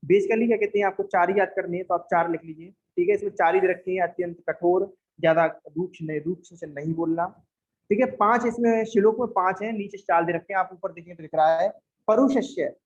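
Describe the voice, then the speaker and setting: Husky high-voiced male teacher, muffled recording. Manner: explains with everyday examples and acted quotes, frequent "theek hai". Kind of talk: classroom lecture on a text. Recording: muffled, dull lo-fi sound.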